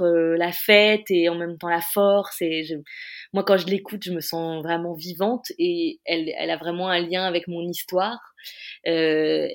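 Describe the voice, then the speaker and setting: A woman with a French accent answering in a casual interview, hesitant and searching for her words. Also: on the low side. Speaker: interviewed author.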